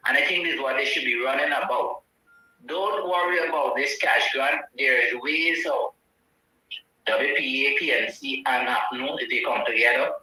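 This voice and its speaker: A man's voice: mid-range voice, sharp tone. Echoing man calling in. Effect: heavy echo from a second device on the phone call. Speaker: radio call-in caller. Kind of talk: call-in political opinion. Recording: echoey phone line from far off.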